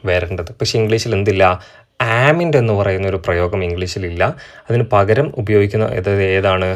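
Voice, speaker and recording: A man teaching an exam-prep grammar lesson, asking the class questions and answering them himself, and spelling out example sentences very slowly. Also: sits low.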